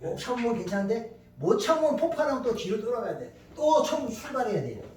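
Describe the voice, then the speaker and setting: A man's voice: very high-pitched, sing-song, fast, a little hiss or hum. A male pastor preaching a sermon, emphatic and telling stories with acted-out quotes. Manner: emphatic, storytelling, acts out quotes. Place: church sanctuary. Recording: very echoey church hall from far off.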